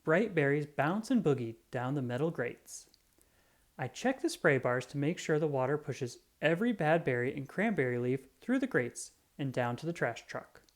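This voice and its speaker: With an expressive storyteller's delivery, a reader voices a children's picture book aloud. Pitch sits in the middle range, and the speed stays moderate.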